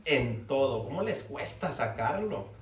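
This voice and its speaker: A man's voice: mid-range voice, big pitch swings, unhurried. A man preaching a sermon, firing rhetorical questions at the congregation. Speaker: pastor. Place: church hall. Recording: echoey room, mic far off, faint noise.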